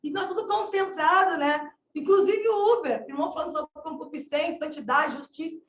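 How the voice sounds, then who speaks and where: A woman's voice: sits high, animated, brisk, slight background noise. A woman with a Gaúcho Brazilian accent, a missionary colporteur, giving a fervent, exclamatory religious testimony. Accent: Gaúcho Brazilian Portuguese. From southern Brazil. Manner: fervent, exclamatory, often calling out to the Lord. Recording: echoey, distant, dull-sounding room recording.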